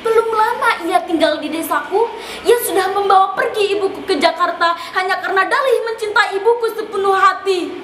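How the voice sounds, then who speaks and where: A woman with a very high voice performs a theatrical monologue as an anguished daughter who has lost her father, a sorrowful tragic heroine declaiming with dramatic pauses. The recording is distant and echoey, made in a clearly noisy room.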